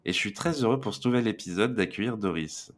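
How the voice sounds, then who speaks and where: A man's voice: on the low side, fast talker. A man hosting a podcast, reading a scripted introduction in a welcoming announcer manner, like cabin crew greeting passengers. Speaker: podcast host and presenter.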